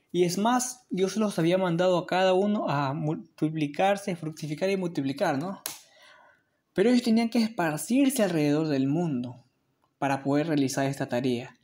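A speaker reading the Bible aloud and explaining it, with measured, deliberate phrasing. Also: mid-range voice, a little mellow. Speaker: Bible reader and commentator.

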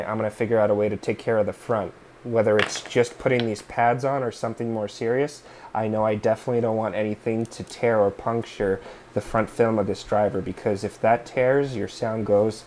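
A fairly low, darkish voice belongs to this DIY host, a man in his thirties working through a home repair at a workbench board in his living room. He chats casually, using fillers and asides, over slight background noise.

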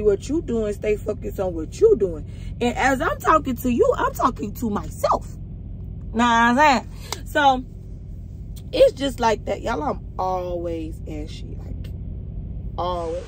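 A woman's voice: a little high, slight background noise, poor audio. A woman, a truck driver chatting candidly to her phone in her truck cab and swearing freely. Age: 20s. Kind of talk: casual vlog chat. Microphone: phone held at arm's length.

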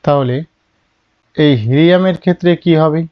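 A man's voice: fairly high pitch, moderate pace, clean tone, no room sound, muffled recording. Patient man teaching step by step. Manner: asks questions and answers them himself, drops his voice on answers. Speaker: chemistry teacher. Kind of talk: classroom lesson.

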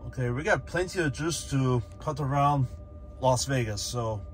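A man with a medium-pitched voice talks at a moderate pace, vlogging a road trip from his car as soft music plays. He chats casually and thinks out loud, dropping small fillers, while road noise from the car hums underneath.

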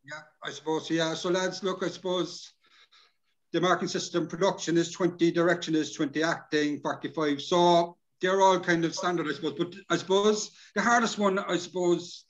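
A middle-aged Irish man gives an informal workshop over a video call, his fairly high voice steady and his pace moderate, though the recording is muffled. He talks colloquially, repeats himself, calls his listeners "lads," and reads partly from slides.

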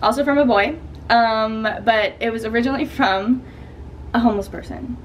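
Filming herself on a handheld camera, a young woman chats cheerfully, filler words and all, moving from a hotel room to a parked car. She speaks at a normal speed in a slightly high voice, and the recording sounds muffled, with a bit of background noise.

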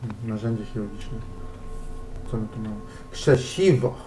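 A man's voice: lowish voice, measured pace, warm tone, faint music behind, low-quality recording. A man playing a horror game and commenting casually, jumpy and profane, who talks to the objects he finds. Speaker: gamer. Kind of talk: casual let's play commentary.

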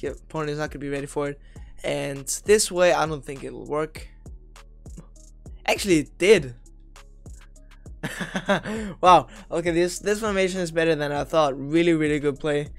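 Smooth-voiced young man breaking down plays. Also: a little high, moderate pace, long pauses, soft background music. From Austria. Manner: chatty and analytical, with offhand jokes. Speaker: video game strategy creator. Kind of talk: casual gameplay tutorial commentary.

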